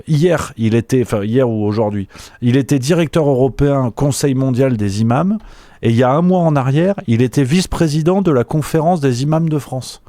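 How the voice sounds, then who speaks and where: A man's voice: medium pitch, dark tone, no room sound, studio quality. A man hosting a satirical news show, mocking and sarcastic, rambling with lots of fillers. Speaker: show host.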